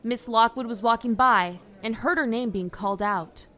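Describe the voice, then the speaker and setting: A woman's voice: a little high, normal speed, pushed and bright. A woman narrating a story in a plain, matter-of-fact reading. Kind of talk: scripted narration.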